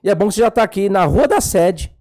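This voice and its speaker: A man's voice: high voice, lively intonation, fast talker, a little mellow, pitched above the performer's own voice. A man putting on an eager, pushy church pastor. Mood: insistent. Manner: pushy, urging.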